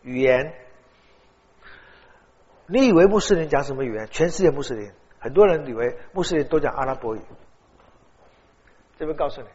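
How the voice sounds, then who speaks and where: A middle-aged man preaching a sermon, telling stories animatedly and acting out dialogue. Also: mid-range voice. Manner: animated storytelling, acts out dialogue. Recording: dull, long-reverb hall.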